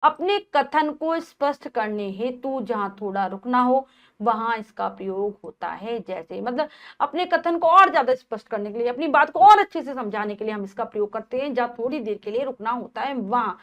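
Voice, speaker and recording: A woman teacher reading a grammar text slowly to children, then explaining it in plain, chatty words. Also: on the high side, animated. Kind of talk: Hindi grammar lesson for children.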